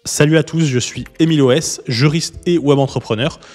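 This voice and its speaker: A man hosting a casual explainer video, talking viewers through a website in a relaxed, chatty way with frequent fillers and restarts. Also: on the high side, brisk, big-room sound, music in the background. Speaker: YouTube host, legal consultant. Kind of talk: casual explainer with screen walkthrough.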